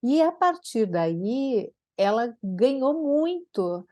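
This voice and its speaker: A woman speech therapist from Brazil telling stories from her career in an interview, lively and expressive. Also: takes it slowly, dry recording, studio quality. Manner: animated, acts out quoted dialogue with big pitch jumps. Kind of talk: conversational interview storytelling.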